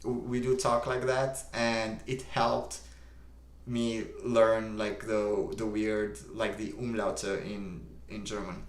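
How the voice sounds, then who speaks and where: A young man from Romania with a Romanian accent, calmly reading viewer comments aloud and answering them on a live stream. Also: lowish voice, slow pace, reverberant. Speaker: livestream host. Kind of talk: casual live-stream chat.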